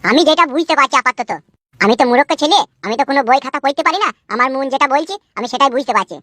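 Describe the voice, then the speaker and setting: A woman's voice: high-pitched, animated, very fast, fairly bright tone, no echo. A woman voicing an uneducated young man who earnestly rambles about the meaning of life in a comedy cartoon.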